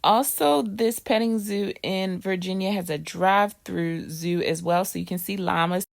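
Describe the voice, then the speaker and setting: A woman's voice: medium pitch, moderate pace, creaky. A woman with a Baltimore accent, chatting casually as she narrates a zoo tour, with frequent ums and laughs. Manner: chatty, laughs often, fillers like um. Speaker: vlogger.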